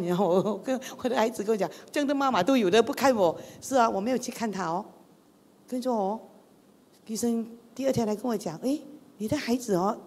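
Gravelly middle-aged woman telling her story. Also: fairly high pitch, darkish tone, big-room sound. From Malaysia. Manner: chatty storytelling with rhetorical questions. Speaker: guest speaker. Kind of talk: church testimony.

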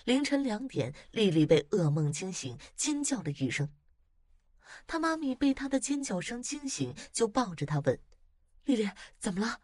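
A woman narrating a ghost story at a calm, steady pace. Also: fairly high pitch, normal speed, dry recording, clean studio sound.

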